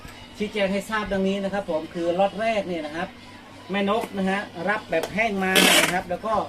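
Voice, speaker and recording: A man's voice: sits high, fairly even intonation, a little fast, over loud music. A man, chatting casually while packing orders in front of a coffee shop, tacking polite particles onto every phrase. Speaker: vlogger packing orders for fans. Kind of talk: casual live vlog narration.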